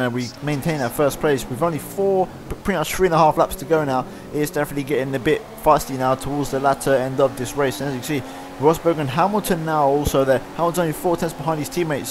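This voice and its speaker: A man giving fast play-by-play commentary over his own racing game. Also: a little high. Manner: fast excited play-by-play, winding down later. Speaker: gaming YouTuber. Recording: loud racing game engine noise behind.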